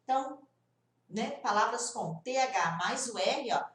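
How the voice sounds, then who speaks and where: A woman, a native Portuguese speaker, teaching English pronunciation and demonstrating each sound slowly. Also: a little high, lively intonation, a bit bright, echoey room, recorded from a distance. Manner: demonstrative, drawn-out sound examples. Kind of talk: pronunciation lesson.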